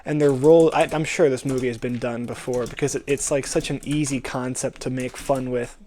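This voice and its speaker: A young man talks in a loose, rambling way at a middling pitch. His casual storytelling is full of slang and swearing, and he drifts into little acted-out bits of dialogue as he goes. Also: steady tone, fairly quick, warm tone, a little hiss or hum. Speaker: storyteller pitching a movie idea.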